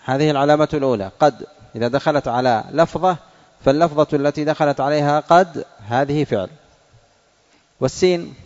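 A man's voice: on the high side, darkish tone, in a large hall, muffled recording. A male teacher giving a classroom grammar lesson, quizzing pupils and repeating their answers.

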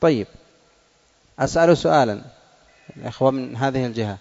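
A man's voice: medium pitch, quick pace, creaky, a little mellow, in a large hall, muffled recording. A male teacher giving a classroom grammar lesson, quizzing pupils and repeating their answers.

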